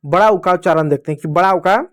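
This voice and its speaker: A man teaching young children the Hindi vowel signs, stretching syllables slowly so they can repeat them and fondly calling them dear children. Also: high-pitched, dry recording, studio quality.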